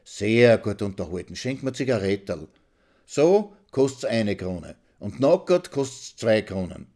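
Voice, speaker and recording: A man's voice: on the low side, very animated, a little slow, a little mellow, exaggerated voice. A man voicing an old woman who coaxes a client in a sugary, ingratiating voice. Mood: coaxing.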